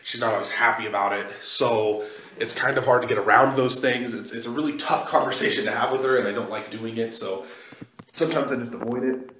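A man's voice: mid-range voice, fairly quick, fairly bright tone, a little hiss or hum. A young man talking casually to his viewers in a vlog, recorded on a phone in an echoey indoor space. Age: young adult. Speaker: video blogger. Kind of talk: casual vlog talk to camera. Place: small echoey indoor walkway in a house being moved into. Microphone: phone at arm's length.

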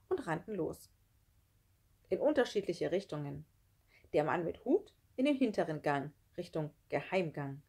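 A woman reading a children's book aloud with lively storytelling. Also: lowish voice, breathy edge. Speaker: reader.

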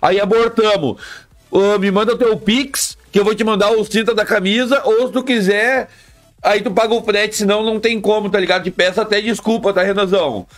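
A man's voice: high-pitched, fairly even intonation, a little fast, soft background music. A man live streaming, chatting casually and repetitively with his viewers in slang. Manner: slangy, repetitive, talks straight to chat.

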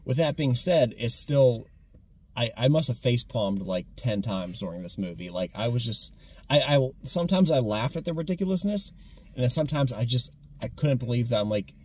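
A young American man giving a casual, animated movie review, often restarting his sentences and repeating words when excited. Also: medium pitch, normal speed, breathy edge. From United States. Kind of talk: casual conversational film review.

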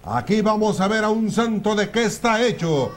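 Very high-pitched Mexican male lucha libre announcer. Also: animated, normal speed, background noise. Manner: florid, grandiloquent lucha libre announcer delivery. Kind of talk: wrestling commentary.

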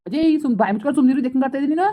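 A woman playing a brisk elder village woman who scolds in short, curt lines, heard from off the mic. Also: high voice, warm tone, natural voice. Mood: scolding.

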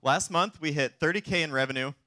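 Man giving a confident, bright startup pitch. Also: a little fast, dry recording, clean studio sound. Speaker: startup chief executive pitching investors. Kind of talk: rehearsed investor pitch. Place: theater stage, indoors.

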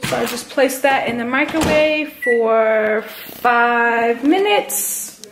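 A young woman in her twenties talks slowly, her voice on the high side, while she explains every step of a cooking vlog filmed in her home kitchen. A close handheld camera picks her up along with a noisy background.

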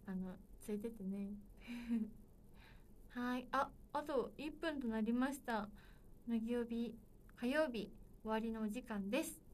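A woman in her twenties with a fairly high voice hosts a solo livestream. She chats playfully and casually, talking straight to her viewers. A faint noise sits under her voice. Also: slow pace, long pauses, a little mellow. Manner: playful and chatty, addressing viewers directly. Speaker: livestream host.

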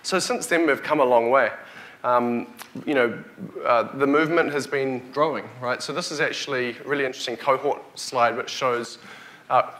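A man's voice: mid-range voice, normal speed, fairly bright tone. A man in his thirties with a New Zealand accent, giving a conference keynote as a company chief. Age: 30s. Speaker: company CEO, conference speaker. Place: hotel conference hall, on stage before an audience. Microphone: lapel or headset mic.

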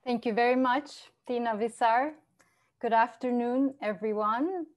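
Woman, thirties, online science lecture, clear measured delivery, slightly high voice. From Turkey. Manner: clear, measured, lively emphasis. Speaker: research scientist giving a public lecture. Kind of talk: prepared presentation over shared slides. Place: home, virtual beach background. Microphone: video call.

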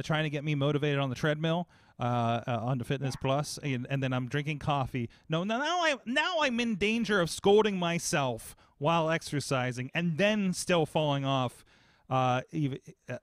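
A podcast host in his forties rambles animatedly and pokes fun at himself in casual chat, his fairly high voice captured on a boom-arm studio mic while he wears headphones. He's in a foam-paneled room, so there's no echo.

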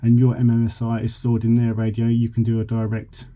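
A man in his forties explains a boat radio informally in his vlog, a bit hesitantly. He talks a little fast in a warm, medium-pitched monotone, with noticeable noise in the background.

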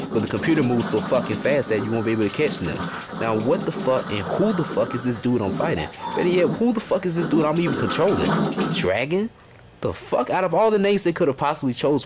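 A young American man giving an exasperated, profane, comedic rant as a video game reviewer. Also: mid-range voice. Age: young adult. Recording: loud music under voice. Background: loud music.

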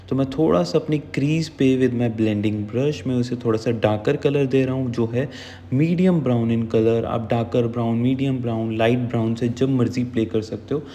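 A man's voice: mid-range voice, mellow, in a large hall. A man talking through a makeup tutorial as the channel's makeup artist, in a chatty, instructive way, mixing English words into his speech.

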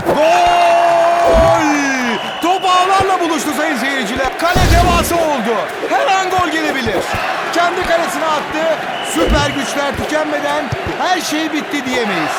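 A man voicing an excitable football commentator, screaming his goal calls in a shouted match commentary for a video game. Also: very high voice, moderate pace. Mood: excited, screaming. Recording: loud stadium crowd noise over voice.

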